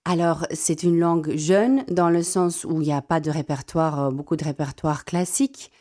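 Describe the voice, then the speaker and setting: A young South African classical singer whose first language is Afrikaans answers radio interview questions haltingly, repeating many words. Her voice sits low and sounds mellow.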